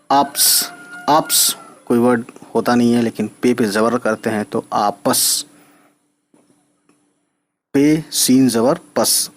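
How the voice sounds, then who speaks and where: A man teaching an Urdu reading lesson, patiently spelling out letters and checking in with his learners. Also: mid-range voice. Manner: patient, spells letters out slowly, often asks "right?".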